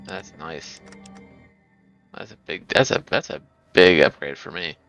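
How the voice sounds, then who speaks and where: A man playing a video game in casual chat, tired from an early start, excitable, with mumbled asides and sudden bright outbursts. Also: deep voice, unhurried, vocal fry, faint music behind. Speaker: gamer playing. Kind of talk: casual let's play chat.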